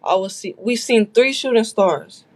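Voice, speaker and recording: A woman's voice: mid-range voice, animated, measured pace, darkish tone. A woman telling her past story candidly in a casual interview, bluntly acting out quotes. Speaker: guest recounting her past.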